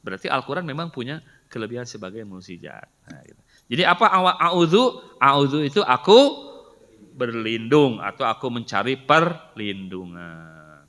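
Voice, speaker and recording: A man's voice: medium pitch, very animated, normal speed, sharp tone. A middle-aged man, giving a Quran study lesson and patiently explaining with rhetorical questions. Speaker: Quran teacher. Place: mosque hall. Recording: reverberant hall sound.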